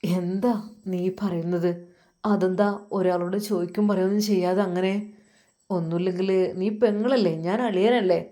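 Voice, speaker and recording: A woman with a Malappuram Malayalam accent voicing a gentle, religious young husband who steadily reassures his wife. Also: fairly low pitch, steady tone, moderate pace, natural voice. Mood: taken aback. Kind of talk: storytelling voice acting.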